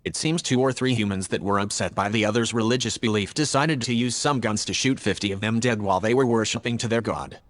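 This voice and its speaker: A somewhat low male voice, near ordinary speaking, plays an AI character in an audio drama, logical and earnest but troubled by humanity. He states things in a measured, formal, matter-of-fact way with an earnest mood, and a long reverb like that of a hall lingers after each line of this scripted dialogue.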